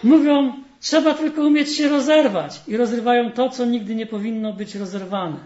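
A man's voice: sits high, normal speed, warm tone, echoey room, muffled recording, pitched above the performer's own voice, lightly acted. A man voicing Sadness as a weary, shrunken male spirit who complains plaintively and with sighs about being unloved. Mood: plaintive, lonely.

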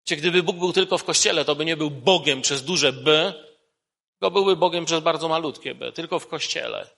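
A man preaching a sermon, lifting his voice when he quotes scripture and dropping low and soft on key points. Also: fairly quick, gravelly. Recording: long hall reverb.

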